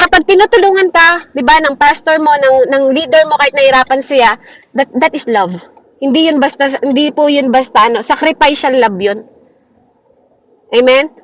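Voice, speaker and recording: High-voiced woman preaching a devotion. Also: no room sound, poor audio. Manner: checks in with listeners through constant short rhetorical questions; earnest, slows down to stress quoted verses. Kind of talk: daily devotion sermon.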